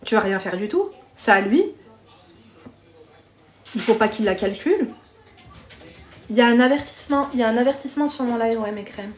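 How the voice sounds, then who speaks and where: A woman's voice: fairly high pitch, expressive, normal speed, long pauses. A woman hosting a live stream, chatting bluntly with viewers, reading their comments and giving dating advice while calling them pet names.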